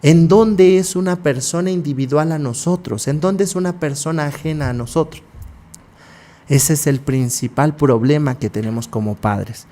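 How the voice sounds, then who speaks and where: Emphatic male podcast host, fairly high voice, poses rhetorical questions. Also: normal speed, warm tone. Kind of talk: passionate podcast talk.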